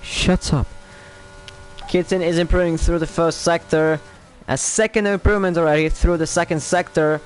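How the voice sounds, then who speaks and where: A young man with a Polish accent calls a sim racing qualifying session live. His voice sits on the higher side for a man. He muses aloud between laps, then jumps up in energy each time a new lap time comes in. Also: steady tone, normal speed. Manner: lifts sharply and speeds up on lap times, otherwise thinks aloud. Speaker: sim racing league commentator. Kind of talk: live esports race commentary.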